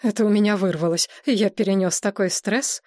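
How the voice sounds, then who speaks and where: A woman voicing a shaken, hoarse male historian who talks slowly and apologetically in an audiobook. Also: mid-range voice, a little mellow, no room sound, clean studio sound, close to an everyday voice. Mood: flustered. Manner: slow, apologetic, babbling.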